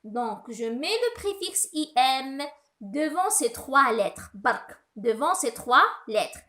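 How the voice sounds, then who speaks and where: A woman teaching a recorded lesson to young pupils, patient and deliberate, fondly calling them her little ones. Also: sits high, big pitch swings, pushed and bright. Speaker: primary school French teacher.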